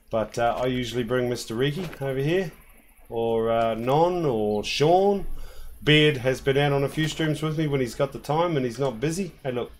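A man from New Zealand streaming a hunting game, talking casually and relaxed with some "uh" fillers. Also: mid-range voice, slight background noise. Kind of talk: casual gameplay commentary.

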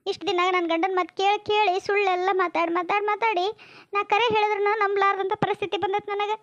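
Quick high woman playing a pleading mother. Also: level tone, a bit bright, no room sound, muffled recording. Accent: North Karnataka Kannada. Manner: pleading, imploring. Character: desperate mother pleading for shelter, humble. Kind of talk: comic village family drama.

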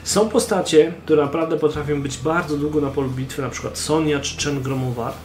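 A man's voice: on the high side, fairly even intonation, brisk, a little mellow, a little hiss or hum. A young man giving game tips in a voice-over, speaking straight to the viewer and urging them on with emphasis. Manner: emphatic, exhorting, addresses the viewer directly. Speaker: gaming channel host.

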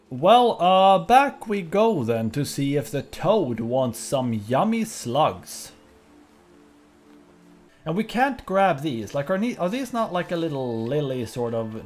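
A man's voice: medium pitch, darkish tone. A man casually narrating a video game playthrough, reading dialogue aloud in a playful, chatty way and laughing often. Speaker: gaming YouTuber.

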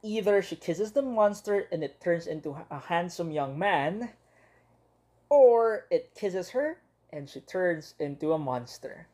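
A woman teacher reading a picture book aloud to young children, expressive and full of dramatic pauses. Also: lowish voice.

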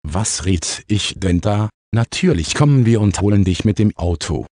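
A man's voice: lowish voice, expressive, moderate pace, darkish tone, dry recording. A man voicing an overwrought, tearful mother on the phone in an audiobook. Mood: frantic. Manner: agitated, overwrought. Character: frantic, tearful mother, adult woman.

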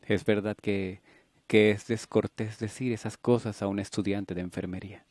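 A man reading an audiobook, voicing a proud, wry young male actor in a low, even voice. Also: normal speed, no echo. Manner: dry, wry, guarded.

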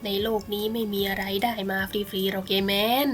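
A woman voicing a greedy, sneering rich old man from the village in a bedtime storybook, who talks slowly and smugly. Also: mid-range voice, flat delivery, faint music behind, lightly acted. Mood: coldly scheming. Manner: mocking, slow and smug.

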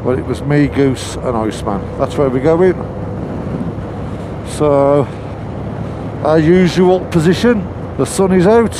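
A British man vlogs casually from a moving motorcycle outdoors, rambling and poking fun at himself in a slightly high voice, taking it slowly with long pauses. His helmet-mounted mic picks up wind and road noise in the background of this riding commentary.

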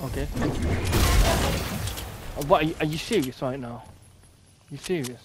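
A young man, giving chatty, casual commentary on his own gameplay and getting quickly annoyed when things go wrong. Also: medium pitch, very noisy. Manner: excitable, easily annoyed, chatty. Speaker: gameplay streamer. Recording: game music loud in background. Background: loud game music.

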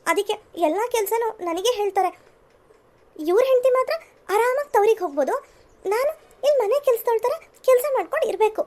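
A woman's voice: extremely high pitch, animated, a little fast, darkish tone, slight background noise. A woman voicing a defiant young wife. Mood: aggrieved. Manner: indignant, complaining. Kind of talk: cartoon voice acting.

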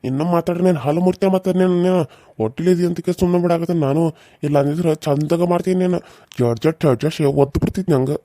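A performer voices a rough, quick-tempered village husband in a cartoon serial. His voice is very dark and mellow, and he talks fast. The sound is dry and close. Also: medium pitch, no echo, close to an everyday voice. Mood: threatening. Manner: rough, threatening and scolding.

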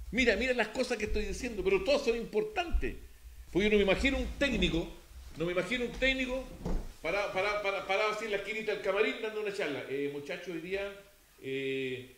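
A man's voice: mid-range voice, a bit bright. A man with a Chilean accent giving an informal lecture on coaching football, emphatic and repetitive, acting out examples as he goes.

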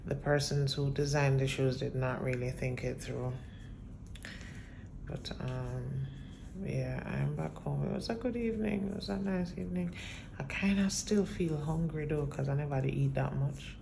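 A woman's voice: extremely low pitch, moderate pace, gravelly, background noise. A woman in her thirties chatting casually to viewers as a vlogger, filming on a phone held at arm's length at home. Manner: chatty, relaxed, direct address to viewers. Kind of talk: casual vlog talk to camera. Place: apartment indoors.

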